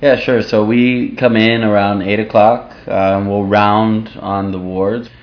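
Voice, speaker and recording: A young surgical resident answers interview questions about his hospital work in a very low, flat voice. He speaks in a halting, laid-back way, often pausing mid-sentence. The lo-fi recording sounds dull, with a faint hum in the background.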